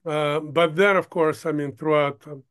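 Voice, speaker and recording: An older man from Ukraine, a producer, talking as an interview guest in a halting way, stopping often to search for words. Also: on the high side, fairly even intonation, a bit bright, clear, resonant tone. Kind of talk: casual interview talk.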